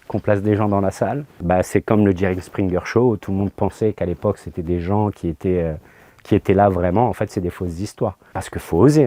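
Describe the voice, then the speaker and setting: A man's voice: fairly low pitch, dark tone, no echo. A young man with a French accent answering interview questions as a comedian, laid-back and hesitant, with many fillers.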